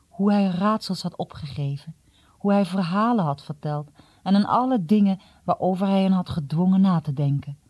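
A man reading a storybook aloud in a calm, measured storytelling manner. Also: sits high, no echo, highs cut off. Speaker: audiobook narrator. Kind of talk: storybook narration.

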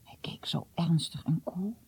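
A woman reading a story aloud in a hushed, often half-whispered, suspenseful way. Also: fairly low pitch, unhurried, breathy edge. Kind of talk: dramatic read-aloud storytelling.

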